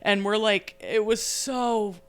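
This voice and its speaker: Animated woman telling a story, smooth voice. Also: mid-range voice, takes it slowly, dry recording. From New England. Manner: animated storyteller, laughs often. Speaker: podcast co-host. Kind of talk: casual chat.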